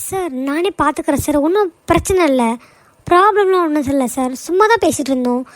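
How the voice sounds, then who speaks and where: Brief: woman playing a timid cartoon heroine, high voice, pleading, dry close sound. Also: fast talker, dry recording, low-quality recording. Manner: pleading, apologetic. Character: young woman office worker, meek and pleading. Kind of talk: cartoon voice acting.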